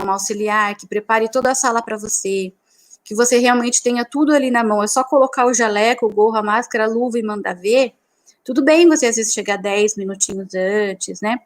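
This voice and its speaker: A woman dentist giving a casual lesson to clinic secretaries, often checking in with listeners and acting out short dialogues. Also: on the high side. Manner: chatty, frequent "né?" and "tá?" checks, acts out dialogues.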